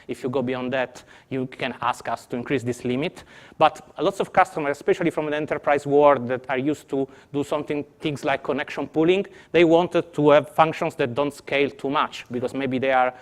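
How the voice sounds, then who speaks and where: A man's voice: medium pitch, a little fast. Italian-accented man explaining cloud tech. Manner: explanatory, with fillers and restarts. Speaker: conference presenter. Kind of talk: technical Q&A answers.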